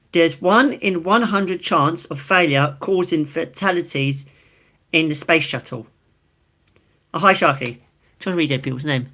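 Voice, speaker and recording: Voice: mid-range voice, pushed and bright. A live stream host with an Essex accent, casually reading things out and adding chatty, informal asides. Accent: Essex, England. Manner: chatty, informal, reacts to each fact with amused asides.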